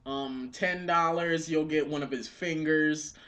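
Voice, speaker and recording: Young male co-host, wry teasing delivery, slightly high, unhurried. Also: fairly even intonation, a bit bright, highs cut off. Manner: wry, teasing, mock-offended. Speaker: podcast co-host. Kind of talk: casual podcast chat.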